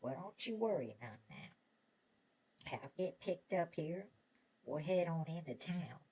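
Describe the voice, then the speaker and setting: An actor playing an excitable, chatty old prospector with an American Old West drawl, stammering and rambling in a Western audio drama. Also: male voice, fairly high pitch, a little slow, slightly rough, heavily acted. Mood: puzzled, folksy. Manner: rambling, stammering, repeats words, chuckling old prospector talk.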